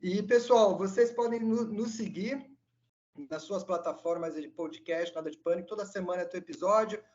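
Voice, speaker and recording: A man's voice: high voice, normal speed, darkish tone, a little hiss or hum. A Brazilian man with a Brazilian Portuguese accent, hosting a podcast and politely wrapping up the episode. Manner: upbeat, polite sign-off. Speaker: podcast host. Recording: dull lo-fi remote podcast audio.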